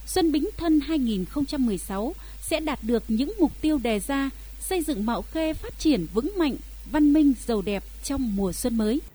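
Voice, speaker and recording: A woman's voice: high-pitched, lively intonation, moderate pace, few pauses, low-quality recording. A woman with a Northern Vietnamese accent presenting local radio news in a formal, scripted style.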